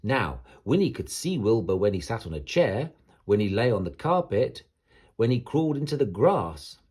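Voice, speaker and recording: In a husky voice on the low side, a man narrates a children's picture book as a bedtime story, moving at a moderate pace and performing it with drama and expression.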